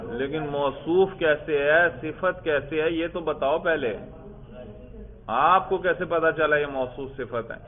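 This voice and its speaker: A man teaching a grammar class who questions his students, repeats their answers and praises them. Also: fairly high pitch. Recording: tinny phone-like classroom recording.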